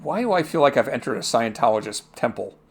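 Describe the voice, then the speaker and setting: A man's voice: mid-range voice, sing-song, fast talker, husky. A man playing a detective game aloud, asking questions and tossing in wry jokes. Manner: wry, joking asides. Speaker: game player and commentator.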